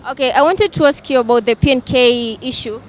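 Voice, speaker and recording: Woman reporting from a street. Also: high voice. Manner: brisk, polite questioning. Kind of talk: vox pop interview. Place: city street outdoors.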